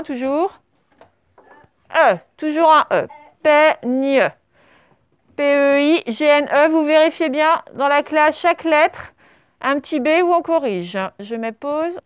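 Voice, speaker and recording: A woman teaching a primary school class, correcting a dictation and spelling words out letter by letter with patient pauses. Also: high-pitched, no room sound. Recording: dull lo-fi sound.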